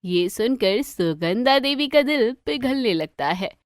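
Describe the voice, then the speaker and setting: A woman narrating a cartoon story at an unhurried pace, her pitch rising and falling expressively. The voice-over is recorded dry and close. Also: animated, no echo.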